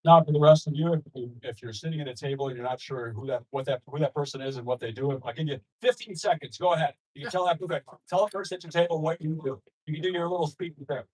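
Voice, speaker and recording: A man from Rochester, New York, emceeing a member dinner as association president, joking loudly and rallying the room. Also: a little high, quick pace, hardly any pauses, poor audio. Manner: jokey, loud, rallying a room. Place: banquet hall at a dinner meeting.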